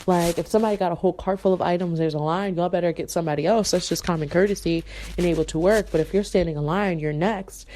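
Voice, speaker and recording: A woman's voice: on the low side, steady tone, fast talker, mellow, a little hiss or hum. A young adult woman hosting a podcast, talking in a casual monologue full of asides and rhetorical questions. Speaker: podcast host.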